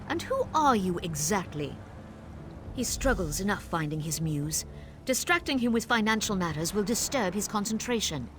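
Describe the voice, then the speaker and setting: A woman's voice: mid-range voice, natural voice. An actress playing a haughty, protective lady of the house in a video game, speaking in a curt, formal, indignant way. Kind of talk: video game character dialogue. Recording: noisy background.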